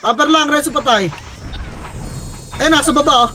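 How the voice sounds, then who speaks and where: A young man leading his squad in an online game, barking rapid repeated callouts and swearing when frustrated. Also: very high-pitched, sharp tone, slight background noise. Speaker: squad leader calling commands. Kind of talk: shouted game commands to a team.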